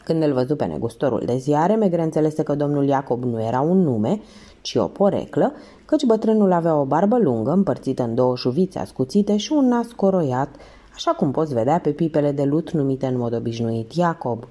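Low mellow woman reading a detective novel aloud, steady storytelling. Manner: steady storytelling with lively pitch. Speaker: audiobook reader. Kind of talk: audiobook narration.

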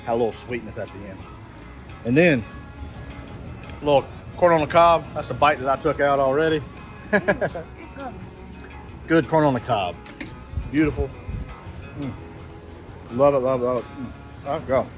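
With faint music behind him, a man cooks outdoors on a beach for his cooking channel, chatting casually over a clip-on lapel mic. His mid-range voice is expressive and measured in pace, with frequent pauses, and he's folksy and chatty, often saying "y'all."

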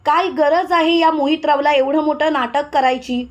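Brief: woman reading as a fierce village woman, high voice, sharp and accusing. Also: fairly even intonation, moderate pace, natural voice. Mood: angry.

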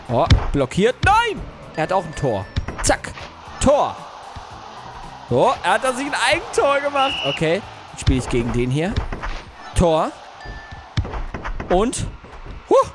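Young youtuber guy playing a phone game, jumpy voice, yelps and shouts, swoops all over. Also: fairly high pitch. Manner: excitable, yelps and shouts in fright. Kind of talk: let's play commentary.

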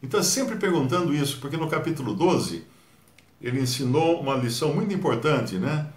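A man with a Brazilian Portuguese accent giving a Bible study, animated and mockingly mimicking others. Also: fairly high pitch, a little fast, roomy sound. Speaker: Bible teacher.

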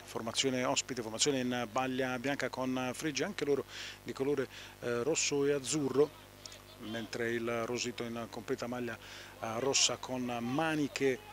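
A man with an Italian accent giving live play-by-play football commentary outdoors, halting at times to fill in details. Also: mid-range voice, fairly even intonation, fairly bright tone, a little hiss or hum. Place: outdoors beside a small football pitch.

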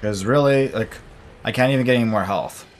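Young man, let's play commentary, exasperated venting, rambling with fillers, mid-pitched voice. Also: fairly quick, slight background noise. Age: young adult. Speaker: gaming channel host.

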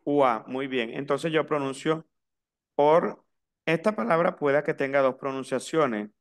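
Smooth-voiced man teaching a class. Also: fairly high pitch. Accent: Latin American Spanish. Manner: slow, spelled-out pronunciation drills. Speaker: French teacher. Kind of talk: online language lesson.

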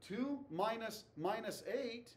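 A man's voice: very high-pitched, lively intonation, slow, far from the mic. Man teaching math in an echoey classroom. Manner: calls out questions and repeats answers, tags "okay?". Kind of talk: classroom lecture with questions to students.

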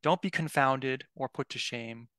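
A man's voice: medium pitch, measured pace, pushed and bright, clean tone, no room sound. Guy giving a sermon, chatty, keeps restarting, dry close sound. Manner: conversational, with frequent restarts and tag questions. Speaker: preacher.

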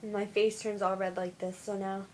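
A tired young woman talking at home in a casual video diary, halting, with many fillers and restarts. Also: mid-range voice, level tone, a little mellow, slight background noise, rough recording. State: tired, yawning. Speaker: vlogger.

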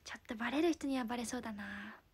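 A young woman from Fukuoka with a Hakata accent, chatting casually on a livestream, giggling and sometimes dropping to a soft murmur. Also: fairly high pitch, rapid-fire, husky. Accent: Hakata dialect. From Fukuoka, Japan. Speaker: idol livestreamer.

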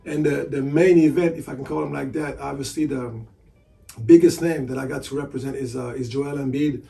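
A man's voice: mid-range voice, steady tone, a little fast, vocal fry, dark tone, recorded from a distance. A man in his forties, a sports agent, answering interview questions casually with lots of "you know" fillers, seated in a hotel room. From France. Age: 40s. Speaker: sports agent and basketball analyst.

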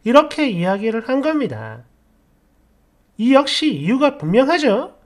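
A woman narrating a first-person story in an animated, emotive way, often speaking directly to her listeners. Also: on the high side, measured pace.

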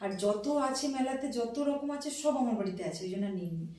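Middle-aged woman softly gushing over her shopping, bit high voice, roomy echo, kinda far from the mic. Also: expressive, quick pace. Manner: chatty, gushing, repeats herself; soft, hushed talk. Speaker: vlogger showing purchases. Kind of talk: casual show-and-tell chat.

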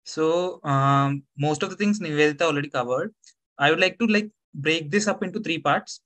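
A man in his twenties with an Indian accent gives informal advice over a video call, explaining step by step in a halting, methodical way. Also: on the high side, a bit bright. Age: 20s. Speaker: student mentor sharing interview experience.

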